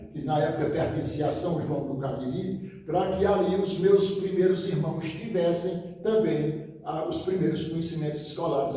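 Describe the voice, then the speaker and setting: A man's voice: fairly high pitch, warm tone. An older man from Northeast Brazil telling stories from his childhood in an interview, often stopping to correct himself. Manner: rambling, many restarts, reminiscing. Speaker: interviewee, retired teacher and writer. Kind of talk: relaxed storytelling interview. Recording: echoey, distant, long reverb.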